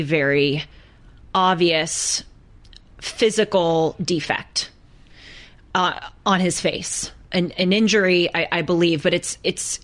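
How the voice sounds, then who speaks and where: Low-voiced woman co-hosting a podcast. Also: a bit bright. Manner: earnest, halting storytelling with restarts. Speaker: podcast co-host. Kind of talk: casual podcast conversation.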